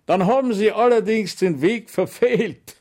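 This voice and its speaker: A man voicing a friendly but cunning village police sergeant who talks in a smooth, mockingly polite way. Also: a little high, big pitch swings, normal speed, a little mellow, pitched above the performer's own voice.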